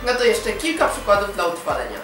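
A woman's voice: mid-range voice, big pitch swings, brisk, fairly bright tone. A woman teaching a language lesson, explaining grammar rules step by step in a patient way. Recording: very echoey room, voice from far off, music behind.

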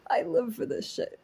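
A young woman chatting casually in a storytime diary vlog, giggly and often half-whispering, with lots of likes and ums. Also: very high voice. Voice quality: breathy, with vocal fry. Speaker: vlogger recounting a day as a background extra.

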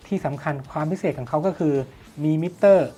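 This audio product review comes from a man whose fairly high voice is mellow and slightly rough, and who speaks a little fast. He explains by raising questions and answering them himself, over background music.

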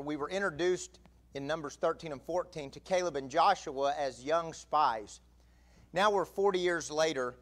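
A middle-aged man, an assistant pastor giving announcements and then preaching with growing emphasis in a church sanctuary. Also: a little high. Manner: conversational, rising to emphatic preaching. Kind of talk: announcements and sermon. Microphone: pulpit mic, far camera.

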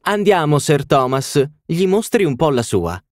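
A man's voice: animated, normal speed, dry recording, studio quality, lightly acted. A man voicing a witty, playful society hostess with a raised, teasing voice. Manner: bright, teasing, raised pitch. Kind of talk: audiobook reading.

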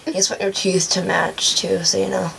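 A woman's voice: fairly low pitch, flat delivery, moderate pace, vocal fry, a bit bright, a little hiss or hum, poor audio. A woman vlogging in casual chat, joking sarcastically with lots of filler yeahs.

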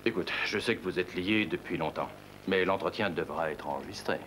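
An actor dubbing a brisk middle-aged newspaper boss in a TV film. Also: male voice, low-pitched, natural voice. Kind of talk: dubbed TV film drama dialogue. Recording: noisy dubbed film soundtrack.

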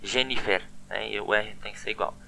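A man's voice: fairly low pitch, steady tone, brisk, creaky, sharp tone, slight background noise. A man giving a casual online language lesson, chatty and often repeating words with a questioning "né?". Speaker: language teacher.

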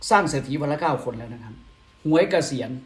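A man's voice: mid-range voice, expressive, fast, echoey room. A man hosting an online political commentary show, talking to viewers in a rhetorical style and answering his own questions. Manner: rhetorical, asks questions and answers them himself.

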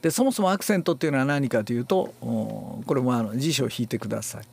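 A man giving a spoken lecture as an announcing and reading instructor, unhurried and explanatory, pausing often on fillers and stressing key words firmly. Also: medium pitch, creaky, darkish tone, slightly rough. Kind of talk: spoken lecture on speech theory.

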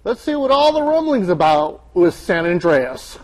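A man with a fairly high voice gives a chatty, wry movie review in a TV studio. He talks as the station's film critic, easy and conversational. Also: big pitch swings, normal speed, heavy background noise. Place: TV news studio.

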